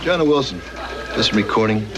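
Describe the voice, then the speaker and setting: A man plays a skeptical police officer with a lively, rising and falling delivery. He questions dryly, with a gruff edge. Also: on the low side, a little fast, lightly acted.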